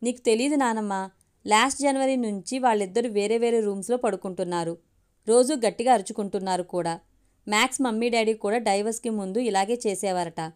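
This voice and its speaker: A woman's voice: a little high, brisk, darkish tone, smooth, natural voice. A woman voicing a young boy, a tearful grandson, in a told story with a childlike, earnest manner.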